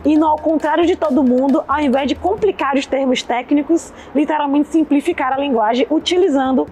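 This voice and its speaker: High-voiced young Bahian woman, slangy. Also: a little fast, slight background noise. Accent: Bahian Brazilian Portuguese. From Salvador, Bahia, Brazil. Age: young adult. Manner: lively, slangy. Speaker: startup founder.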